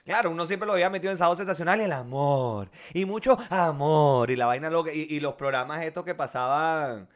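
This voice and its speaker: A podcast co-host with a Venezuelan accent tells stories in slangy, animated casual chat. His voice is on the high side, fairly quick with hardly any pauses, and the audio sounds dull.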